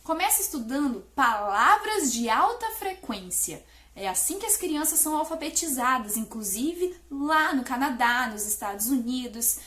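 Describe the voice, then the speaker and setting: A young woman who speaks fast and playfully, teaching English tips in a casual tutorial with sudden loud stresses. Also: sits high, sing-song, roomy sound. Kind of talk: energetic casual tutorial to camera.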